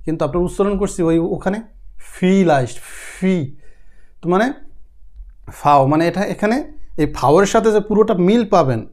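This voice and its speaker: High-voiced man drilling pronunciation. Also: expressive, quick pace, darkish tone. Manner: repeats each sound several times, drilling pronunciation; loose, rambling explanations with many restarts. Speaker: language teacher. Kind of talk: casual spoken lesson.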